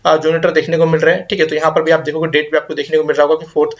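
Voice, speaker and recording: A young man giving a casual career update in a rapid Hindi-English mix. He reassures his viewers and keeps repeating short fillers as he talks. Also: fairly high pitch, level tone, highs cut off. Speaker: career guidance YouTuber. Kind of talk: casual update video reading viewer comments.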